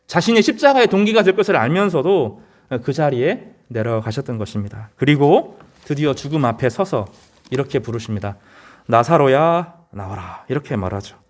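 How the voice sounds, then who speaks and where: A man preaching a sermon as pastor, earnest, with rising emphasis and frequent hesitation fillers. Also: a little high.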